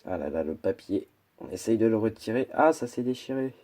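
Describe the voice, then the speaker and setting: A man talks his way through an unboxing in a relaxed, rambling way. He keeps stopping, restarting and adding little asides. His voice has a soft, mellow tone. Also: fairly low pitch, fairly quick. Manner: chatty, hesitant, full of restarts and asides. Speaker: YouTuber. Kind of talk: casual unboxing chat.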